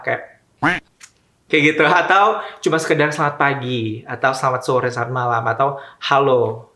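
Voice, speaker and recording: A young man from Indonesia, vlogging at home in a casual, slangy way, dropping in English words and pausing with hesitations. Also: on the high side, pushed and bright. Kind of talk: casual vlog monologue. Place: home room. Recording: roomy echoey room.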